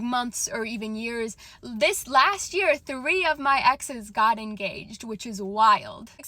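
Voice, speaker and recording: A woman's voice: on the high side, bright, forceful tone, no room sound. A young adult woman giving casual dating advice in a confident, emphatic, conversational way. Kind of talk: casual opinionated advice talk to camera.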